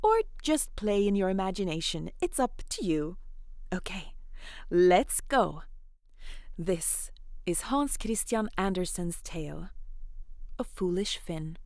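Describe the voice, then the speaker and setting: A woman with a fairly low voice hosts an interactive children's fairy tale, speaking slowly and pausing often. She's playful, animated and encouraging, with chatty asides to her young listeners. The audio is studio quality, with no room sound.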